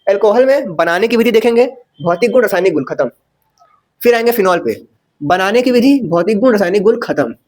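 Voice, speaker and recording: A man's voice: high voice, animated, fairly quick, a little mellow. A man teaching chemistry in a casual lecture, chatty, asking questions and correcting himself as he writes.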